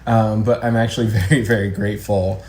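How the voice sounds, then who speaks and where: A young American man, an actor and acting educator, chats casually as an interview guest with a wry, self-deprecating manner. His lowish voice is flat, a little fast and a little mellow, recorded with roomy echo and faint background noise.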